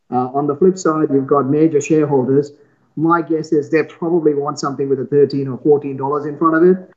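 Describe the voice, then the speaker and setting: A man giving conversational market commentary as an analyst, informal and matter-of-fact, on lo-fi interview audio. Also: fairly high pitch.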